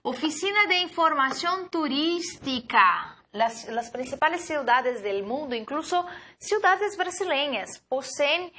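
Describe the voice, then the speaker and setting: Slow, bright-voiced woman teacher. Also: high-pitched, expressive. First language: Portuguese. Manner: slow, deliberate, mixing two languages. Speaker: language teacher. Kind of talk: slide-based vocabulary lesson.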